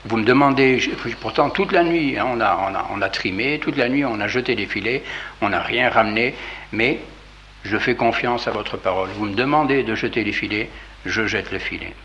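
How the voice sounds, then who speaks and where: A man's voice: fairly low pitch, normal speed, bright, forceful tone, lo-fi sound, slight background noise. A man giving an informal sermon in a conversational way, repeating his phrases and sometimes dropping to a near-whisper for emphasis. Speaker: priest.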